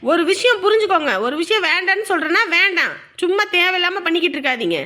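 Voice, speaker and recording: A woman's voice: very high voice, lively intonation, fast, sharp tone, heavily acted. A woman playing a strict, thrifty mother who lectures her family in a family drama, speaking rural in a firm manner. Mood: lecturing. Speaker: mother, wife. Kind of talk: village family drama acting.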